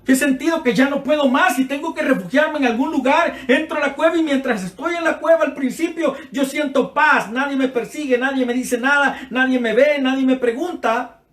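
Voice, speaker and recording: A man's voice: very high voice, fairly quick, a bit bright, echoey room. A man preaching a sermon with passion, acting out the voices in his stories, with a Central American Spanish accent. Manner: impassioned, acts out dialogue in his stories.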